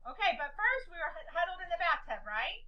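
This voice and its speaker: A woman teacher telling her class a personal story, animated and often checking in with questions. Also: very high voice, fast talker, muffled recording.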